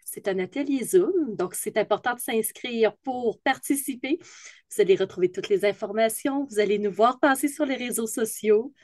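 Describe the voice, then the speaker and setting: A woman's voice: a little high, normal speed, darkish tone, no echo, clean studio sound. A woman from North America with a Québécois accent, hosting a video-call interview in an enthusiastic, emphatic manner. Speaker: host.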